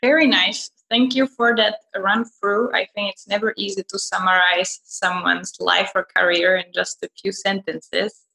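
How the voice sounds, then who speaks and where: A woman's voice: medium pitch, little pitch movement, unhurried, gravelly, hardly any pauses, pushed and bright. A woman moderating a podcast interview, with polite, formal phrasing. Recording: roomy, faint music behind.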